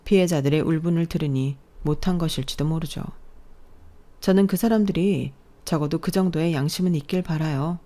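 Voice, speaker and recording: A woman narrating a scripted story in the first person, calm, with a cutting edge in her confrontation lines. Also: sits low, fairly quick.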